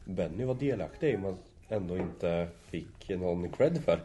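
A man's voice: deep voice, lively intonation, mellow. A man casually telling a hunting story to friends in an easygoing way, chuckling between phrases. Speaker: hunter telling stories.

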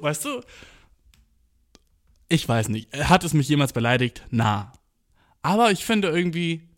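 A young man telling a comedic story in casual speech, slangy and animated, full of swearing and English slang. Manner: slangy, animated, acts out quotes with big pitch jumps.

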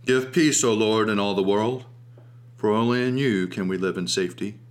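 A man leading liturgical prayer, reciting in solemn, measured phrases as an officiant. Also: lowish voice.

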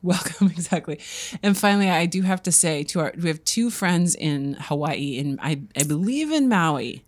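A woman co-hosting a podcast in casual chat, a little hoarse from a cold and laughing often. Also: on the low side, lively intonation, moderate pace. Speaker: podcast co-host.

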